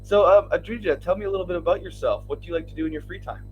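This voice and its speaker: A man's voice: high voice, very fast, muffled recording, soft background music. A man from Minnesota, tutoring English casually over a video call and laughing often. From Minnesota, United States. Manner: friendly, laughs often, asks easy questions. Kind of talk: casual conversation.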